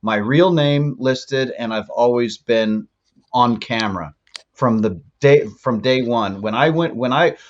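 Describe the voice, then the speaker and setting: A man's voice: medium pitch, lo-fi sound. A man telling stories casually as a guest, chatty and acting out his own past remarks. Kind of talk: casual storytelling.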